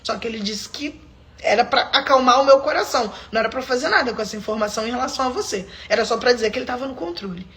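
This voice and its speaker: A high-pitched woman hosts a live stream from home. She delivers a personal faith testimony as an emphatic storyteller and keeps turning to address her viewers directly. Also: rapid-fire, fairly bright tone, slight background noise.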